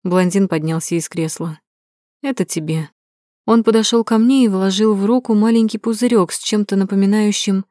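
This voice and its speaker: A woman's voice: mid-range voice, fairly even intonation, brisk, hardly any pauses, dark tone, no echo. A woman narrating a romance novel in the first person, reading expressively and dramatically on a close mic. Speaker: audiobook narrator.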